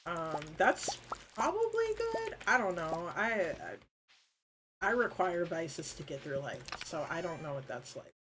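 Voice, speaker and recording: A woman on a live stream, talking to her viewers in a loose, rambling way full of "um" and "like", with a fairly low voice. There's clear noise and clicking in the background of the recording. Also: animated, moderate pace. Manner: rambling and informal, with frequent fillers and swearing.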